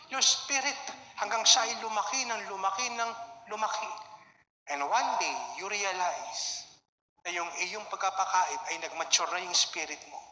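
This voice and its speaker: A young man giving an animated sermon to a youth conference, acting out voices and mixing English into his talk. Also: sits high. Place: large hall. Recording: echoey hall with faint music.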